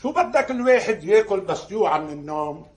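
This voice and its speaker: A man's voice: sits high, animated, echoey room. An actor playing a fatherly neighborhood man with a Lebanese accent, lecturing and scolding. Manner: advising, scolding, fast-talking. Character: Abu Salim, advising neighborhood elder man.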